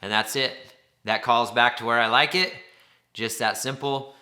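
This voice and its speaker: A man's voice: mid-range voice, steady tone, moderate pace, very noisy. A man giving an informal, plain-spoken instructional demonstration, explaining things step by step.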